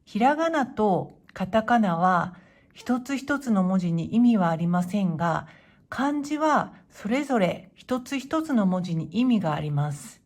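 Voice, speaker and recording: A woman teaching Japanese to beginners in a clear, patient way, modeling pronunciation slowly and encouraging learners. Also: mid-range voice, lively intonation, darkish tone. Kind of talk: slow, clear explanatory lesson.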